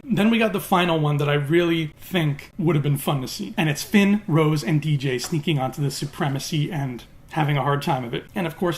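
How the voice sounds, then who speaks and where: Excitable man giving a casual film review. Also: fairly high pitch. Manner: enthusiastic, acts out quotes in little voices.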